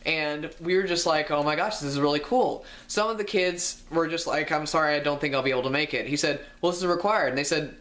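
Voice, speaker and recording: A man's voice: a little high, a little fast, hardly any pauses, fairly bright tone. A young man telling a storytime rant on his vlog, exasperated, his voice jumping up when indignant. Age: young adult. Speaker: vlogger.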